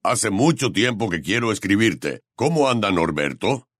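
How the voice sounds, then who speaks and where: Man voicing a big gentle giant, storybook, very low deep voice, lively swoops. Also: no room sound, studio quality. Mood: fond. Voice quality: deep slow rumble. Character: huge gentle half-giant groundskeeper, warm and rambling. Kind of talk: audiobook character voice.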